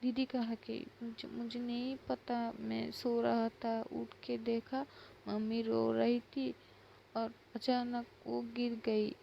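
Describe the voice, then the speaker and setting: A woman's voice: fairly high pitch, level tone, slow pace, vocal fry, dull audio, slight background noise, pitched above the performer's own voice. A woman voicing a small boy who is crying and frantically repeating himself for his fallen mother. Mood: crying, frantic.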